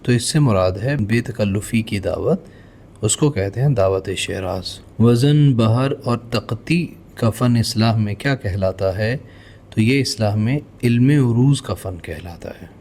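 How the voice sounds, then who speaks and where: A man with a Pakistani accent teaching an exam-prep lesson, reading out each question and then explaining the answer in a measured way. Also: on the low side, a little mellow, slight background noise.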